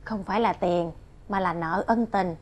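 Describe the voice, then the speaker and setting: A woman's voice: fairly low pitch, normal speed, a little mellow, close to an everyday voice. An actress playing an earnest, grateful middle-aged mother with a southern Vietnamese accent in a television drama. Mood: earnest pleading.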